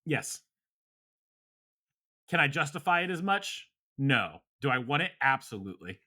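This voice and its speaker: A man's voice: mid-range voice, sing-song, unhurried, sharp tone. A man co-hosting a podcast in casual chat, laid-back, laughing often and trailing off with fillers. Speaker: podcast co-host.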